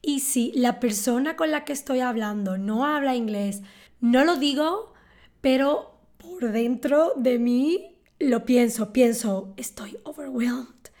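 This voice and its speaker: Woman explaining words slowly, calm and clear, kinda high voice. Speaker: Spanish teacher. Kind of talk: scripted lesson monologue.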